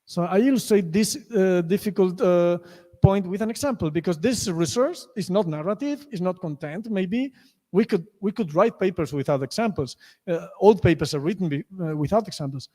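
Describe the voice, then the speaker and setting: A man with a Spanish accent, a native Spanish speaker, giving a conference lecture with many restarts and self-corrections. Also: sits high. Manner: many restarts, acts out story lines loudly. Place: lecture hall. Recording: reverberant lecture hall.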